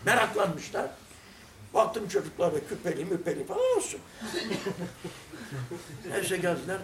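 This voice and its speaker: A man's voice: high-pitched, animated, a little slow. An older man giving a religious talk, telling humorous anecdotes with chuckles and acting out the dialogue. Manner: storytelling, chuckling, acts out dialogue. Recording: echoey room, distant mic, faint noise.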